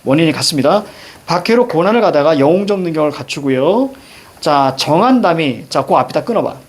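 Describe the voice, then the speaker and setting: A male teacher giving a brisk literature lecture, directing students and firing quick questions at them. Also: on the high side, expressive. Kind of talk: classroom lecture.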